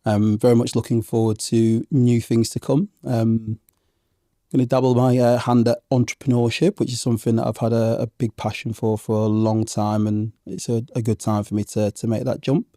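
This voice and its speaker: In this clean, dry studio recording, a podcast guest in his thirties speaks at a moderate pace in a medium-pitched, dark-toned voice with little pitch movement. Born to Zambian parents and raised in England from age one, he reflects in a conversational interview full of ums and restarts.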